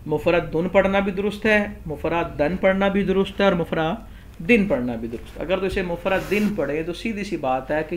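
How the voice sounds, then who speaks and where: A man with a Pakistani Urdu accent, teaching a classroom grammar lesson and explaining step by step as he raises and answers objections. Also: a little high. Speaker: Islamic scholar teaching Arabic grammar.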